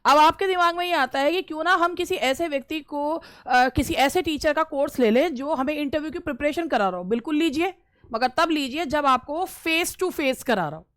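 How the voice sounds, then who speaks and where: A woman's voice: high-pitched, normal speed, a bit bright, no room sound. A middle-aged woman from India, giving casual instructional advice as a teacher, repeating phrases and hesitating often. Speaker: English teacher giving interview tips.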